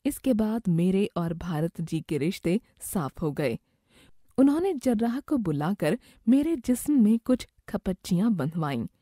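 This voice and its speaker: A woman narrates a moral story at an unhurried reading pace. Her voice sits a little low and sounds mellow and soft. The recording is dry and close, with no room sound. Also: sing-song, breathy edge, no room sound. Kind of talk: scripted first-person story narration.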